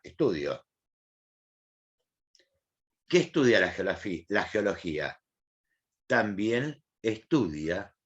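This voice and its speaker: A man's voice: lowish voice, muffled recording. A man with an Argentine accent teaching an online class, asking questions and explaining in a colloquial way. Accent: Argentine Spanish.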